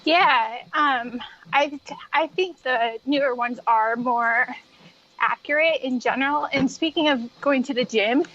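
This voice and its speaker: Brief: female podcast guest, fairly high voice, giggly halting chat, slightly muffled recording. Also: pushed and bright. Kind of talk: casual chat.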